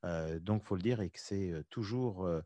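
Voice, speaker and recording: Low-voiced man hosting a casual lesson. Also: normal speed, warm tone, no echo. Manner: chatty, joking interjections. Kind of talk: casual co-hosted lesson chat.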